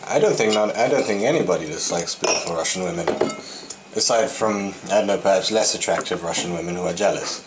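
A man's voice: sits low, fast talker. A man hosting a casual chat, putting questions to his companions. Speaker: podcast host. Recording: echoey room with clear background noise.

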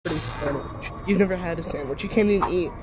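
A man's voice: high voice, racing, music in the background. A young man giving casual, joking gameplay commentary full of slang. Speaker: gamer.

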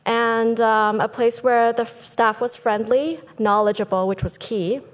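Woman, 30s, business founder giving a prepared conference speech, animated, lectern mics, reverberant hall. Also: on the high side, measured pace. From Thailand. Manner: lively, gestures with both hands, speaks from a lectern. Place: large conference hall stage. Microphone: lectern microphones.

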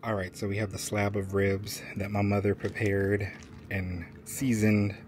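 Low-voiced man narrating a casual vlog. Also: a little slow, a little hiss or hum. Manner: relaxed, chatty, with easy fillers. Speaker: vlogger. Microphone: handheld vlog camera.

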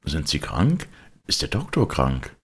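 A man's voice: a bass voice, wildly swooping pitch, unhurried, breathy edge, heavily acted. A man reading aloud, voicing a solemn, middle-aged male lawyer who presses urgently for answers. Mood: urgent, concerned.

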